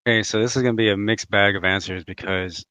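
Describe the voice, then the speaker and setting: A man's voice: lowish voice, steady tone, fast, pushed and bright, clear, resonant tone, no echo. A man co-hosting a gaming podcast, chatting casually and choosing his words hesitantly. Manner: hesitant, careful wording. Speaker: podcast co-host. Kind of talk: casual chat. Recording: dull, dry lo-fi audio.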